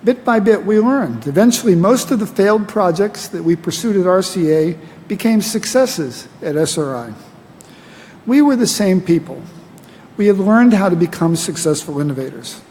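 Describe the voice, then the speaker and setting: An older American man giving a prepared acceptance speech at a ceremony, measured and dry-humored, at a podium microphone. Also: sits high, animated, a little mellow. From United States. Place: large ceremony hall. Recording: long hall reverb, faint noise.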